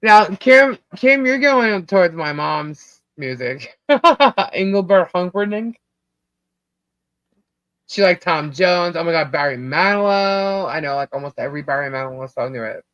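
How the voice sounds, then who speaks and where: Unhurried and lively in intonation, this lowish, fairly bright-voiced woman from Long Island, New York chats casually on her live stream, rambling and laughing often. Her voice cuts out over a bad internet link. The stream audio is dull, dry, lo-fi and echo-free.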